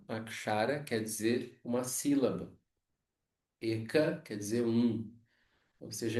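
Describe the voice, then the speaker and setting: A Brazilian man teaching a yoga philosophy class, explaining slowly and checking in with frequent tag questions. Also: fairly low pitch, darkish tone. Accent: Brazilian Portuguese. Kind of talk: lecture on scripture. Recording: echoey room, mic far off.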